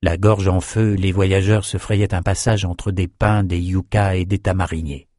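Low-voiced male audiobook narrator. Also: fairly even intonation, normal speed, a little mellow, no echo, studio quality.

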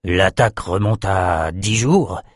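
A kindly, worn-out harbour master speaks in a tired, sighing way, voiced by a man reading a story. The low voice stays near the reader's own. The sound is dry and close. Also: moderate pace, husky, dry recording. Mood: weary.

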